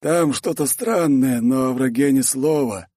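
A man voicing a cryptic dwarf mage, raised and slow. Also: mid-range voice, mellow, breathy edge, dry recording, clean studio sound, voice pushed up. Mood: wry, cryptic. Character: mystical male dwarf mage, wry and cryptic.

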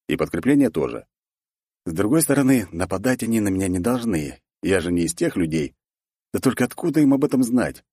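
A man reads a first-person fantasy audiobook in a matter-of-fact, wry way. His voice is low and husky. The recording is dry and close. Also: dark tone, no room sound. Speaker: audiobook narrator.

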